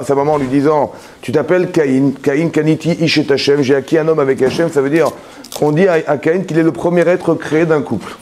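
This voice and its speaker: Teaching a Torah lesson, this rabbi draws on everyday examples and regularly makes sure listeners follow along. His voice is a little high and warm, and his speech is full of restarts and repeated words.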